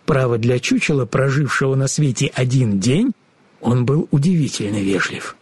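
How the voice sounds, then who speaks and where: A man narrating a children's fairy tale audiobook in an expressive storytelling manner. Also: medium pitch, moderate pace, breathy edge, dry recording.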